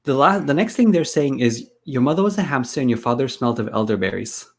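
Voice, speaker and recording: A man's voice: mid-range voice, very animated, fast. A man hosting a casual live-stream chat, teasing his co-host and reading out viewer questions. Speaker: host, photographer.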